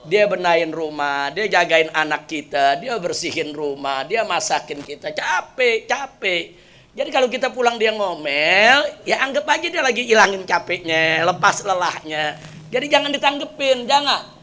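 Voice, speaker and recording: Wise gentle caliph, slow and soft, played by a preacher. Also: male voice, sits high, expressive. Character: calm wise old caliph, gently advising.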